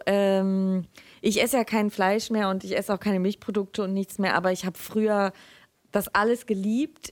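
A middle-aged woman giving a measured literary reading, then answering questions in a loose, chatty way. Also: mid-range voice, no room sound.

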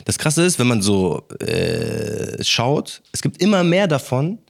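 A young adult man hosting a podcast, talking in a lively, slangy casual chat. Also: medium pitch, takes it slowly, gravelly. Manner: lively, laughs often, slangy. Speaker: podcast host.

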